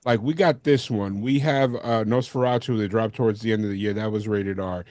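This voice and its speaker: A man's voice: fairly low pitch, fairly even intonation, fairly quick, darkish tone, no room sound, clean studio sound. A man co-hosting a movie podcast, talking casually and explaining his points in informal language. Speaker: podcast co-host.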